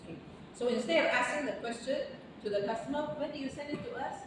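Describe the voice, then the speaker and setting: A woman teaching English to a class, stretching out sample sentences so students can copy them. Her voice sits a little high. It is heard from a distance in a long-echoing room with steady noise behind. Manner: slow, drawn-out model phrasing for students. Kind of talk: classroom lesson. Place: echoey classroom. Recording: echoey, noisy classroom from afar.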